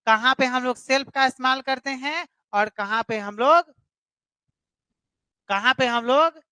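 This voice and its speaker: A woman's voice: high voice, unhurried, bright, forceful tone, clean tone, no room sound. A woman teaching a live online English grammar class, repeating points and putting questions to her students. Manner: repetitive, explanatory, questions students directly.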